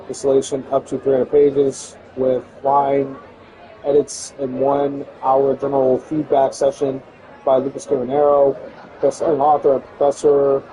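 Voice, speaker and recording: A young man streaming a game live, reading in-game text aloud in a halting, casual way and calling his viewers bro. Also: mid-range voice, dark tone, rough recording.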